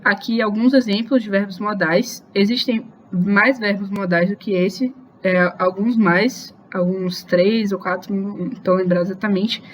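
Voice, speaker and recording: A woman of medium pitch teaches an online grammar lesson in a patient, unhurried way. She spells out example phrases slowly and keeps checking whether her listeners are following. A faint background hum sits under her voice. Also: steady tone, rough recording. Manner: slow, patient explanations with frequent checks for questions. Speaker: English teacher.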